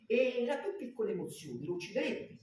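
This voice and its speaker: A man's voice: very high voice, big pitch swings, a little fast, darkish tone. A shifty, exasperated doctor from a stage farce, acted by a man, with a Neapolitan accent. He stammers and repeats himself through his excuses. The sound is distant and heavily reverberant, with faint noise. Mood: evasive, explaining. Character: flustered philandering male doctor, evasive and exasperated.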